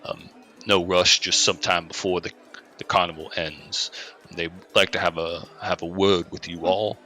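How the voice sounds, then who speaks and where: A man voicing a big, gruff ogre carnival strongman in a tabletop game, polite and halting, with a deep voice. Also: level tone, pushed and bright. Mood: polite, hesitant.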